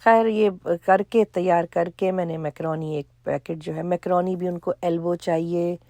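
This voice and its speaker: A middle-aged woman, chatting casually in a cooking vlog, hoarse for now and full of chatty asides. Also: fairly low pitch, steady tone, dark tone, no room sound. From Pakistan. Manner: chatty, storytelling with asides and quoted dialogue. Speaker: vlogger.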